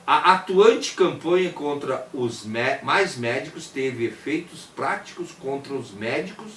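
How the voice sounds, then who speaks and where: A man's voice: medium pitch, lively intonation, unhurried, fairly bright tone. A Brazilian man reading a prepared text aloud in a formal manner, stumbling at times and voicing punctuation as if dictating. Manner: formal, stumbles and rereads words; voices quotation marks aloud like dictation. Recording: echoey, distant mic, faint background noise.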